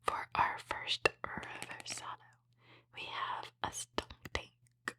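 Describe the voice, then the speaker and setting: A woman hosts a trading card opening in a breathy, unvoiced whisper, offering gentle, appreciative ASMR commentary at a slow pace.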